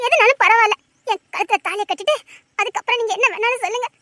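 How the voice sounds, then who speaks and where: Woman doing a frantic young woman in an audio drama, super high voice, begging and repeating herself, teary. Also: fast talker, bright, forceful tone, no echo. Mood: pleading. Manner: pleading, tearful, insistent repetition. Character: desperate young woman begging her lover to marry her.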